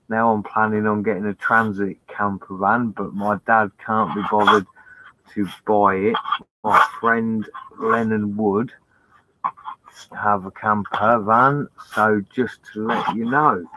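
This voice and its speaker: A man's voice: fairly low pitch, fairly even intonation, takes it slowly, sharp tone, low-quality recording. A man on a casual van-life live stream, talking from inside his converted van and cheerfully greeting viewers by name. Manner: upbeat, greets viewers by name, keeps saying "fantastic".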